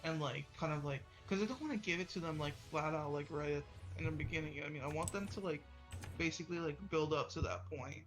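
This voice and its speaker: A man's voice: fairly high pitch, fast, a bit bright, soft background music. A man chatting casually about plans for his game group, rambling with lots of filler words. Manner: rambling, heavy use of "like". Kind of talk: casual chat.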